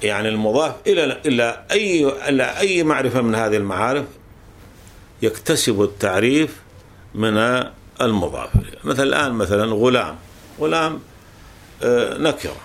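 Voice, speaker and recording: A man teaching a grammar lesson, patiently explaining with examples and often restarting words. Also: fairly low pitch.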